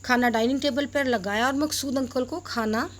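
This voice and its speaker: A woman reading a novel aloud, telling the story in a plain, steady way. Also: high-pitched, moderate pace. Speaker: story reader.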